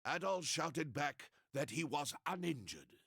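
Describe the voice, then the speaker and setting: A man doing a husky, gravelly game narrator. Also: fairly high pitch, very animated, unhurried, fairly bright tone, dry recording, clean studio sound, heavily acted. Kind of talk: dramatic reading of game narration.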